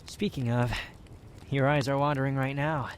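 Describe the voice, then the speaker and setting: A man's voice: mid-range voice, level tone, moderate pace, lightly acted. Male actor as aloof young wanderer, prickly, formal, grudgingly tender, romantic audio roleplay, ambient noise behind. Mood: soft, teasing. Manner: haughty, dry, formal wording with reluctant tenderness.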